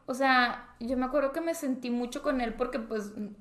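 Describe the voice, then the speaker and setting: A woman's voice: high voice, moderate pace, fairly bright tone. A young woman telling a personal story in a casual chat, full of fillers and dramatic turns. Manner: chatty, dramatic, many fillers like "o sea" and "tipo". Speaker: podcast co-host. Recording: roomy echo.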